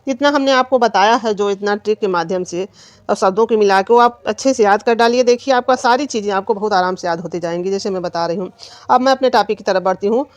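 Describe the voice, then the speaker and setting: A woman's voice: medium pitch, quick pace, no echo. A woman teacher giving an exam-prep lesson, asking questions and answering them herself. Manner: repetitive quizzing, asks and answers own questions.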